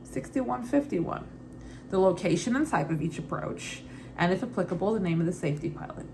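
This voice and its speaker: A woman's voice: on the low side, animated, a little fast, dark tone. A woman with a loose Brooklyn accent reads study questions and answers aloud informally, repeating and rephrasing as she thinks through them. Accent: Brooklyn, put on loosely and unevenly. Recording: clearly noisy ambient background.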